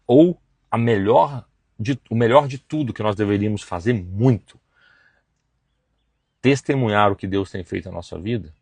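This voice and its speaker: Guy preaching hard, husky gravelly voice, dry sound. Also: fairly low pitch, moderate pace, a little mellow, no echo. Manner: emphatic, acts out gossiping voices with slangy asides. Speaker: host of a faith and business live stream. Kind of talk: preachy motivational talk.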